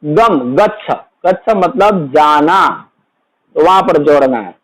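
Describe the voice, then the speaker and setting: A man's voice: on the high side, lively intonation, takes it slowly, a bit bright, poor audio. A man teaching a children's worksheet lesson, explaining each answer and then asking it back as a question.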